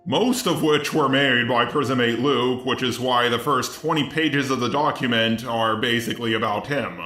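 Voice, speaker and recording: A synthetic male robot voice, mid-range and bright with a pushed quality, reads scripted video commentary at normal speed as a channel's host. The text-to-speech delivery is mechanical and evenly paced, set in an echoey room with background music underneath.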